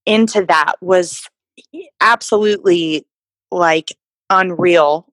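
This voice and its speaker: A woman's voice: lowish voice, takes it slowly, fairly bright tone, no echo, rough recording. A young woman from Texas, a fitness model guest, talking casually with lots of fillers and restarts. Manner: chatty, many fillers and restarts. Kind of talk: casual interview conversation.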